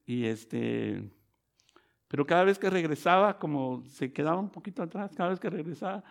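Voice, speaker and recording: Gravelly high-voiced male preacher. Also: lively intonation, normal speed. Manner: rising to loud emphatic preaching, addresses listeners as brother. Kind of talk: sermon.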